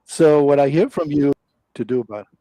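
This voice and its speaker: A man speaks over a video call link that keeps breaking up. His voice is mellow and sits in a dry, close sound. His phrasing is halting and fragmented. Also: fairly high pitch, no echo, rough recording. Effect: video call audio cutting out. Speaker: interview guest. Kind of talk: casual video call chat.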